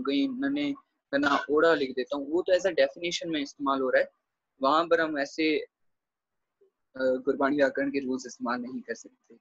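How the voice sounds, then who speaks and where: A man's voice: a little high, fairly bright tone, breathy edge, no room sound, dull audio. A man teaching a grammar lesson over a video call, explaining patiently and checking in often with his students. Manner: explains patiently, checks with frequent "theek hai".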